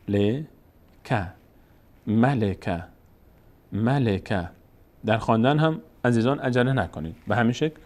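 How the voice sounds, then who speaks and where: Slow, patient man drilling letters. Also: lowish voice, darkish tone. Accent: Persian. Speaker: Quran reading teacher. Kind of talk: recorded lesson with slides.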